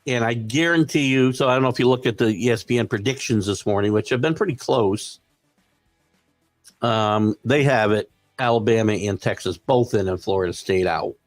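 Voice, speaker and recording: A male host of a live sports talk show, giving opinionated commentary that keeps building into excited rants. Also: medium pitch, normal speed, no echo, faint music behind.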